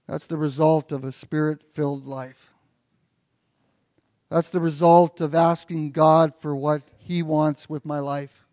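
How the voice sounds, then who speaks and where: A man's voice: fairly high pitch, flat delivery, slow, darkish tone, no echo, clean studio sound. A pastor preaching an earnest sermon, often repeating words as he builds toward a point.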